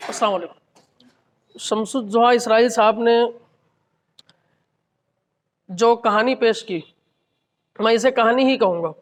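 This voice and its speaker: A man giving a measured, analytical critique of a short story at a literary gathering, with occasional restarts. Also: extremely high pitch. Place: college hall. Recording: reverberant hall.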